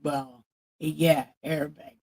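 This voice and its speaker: Slow, gravelly woman livestreamer. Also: deep voice, flat delivery, a little mellow. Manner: candid, profane, chatting with viewers. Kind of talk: casual livestream chat.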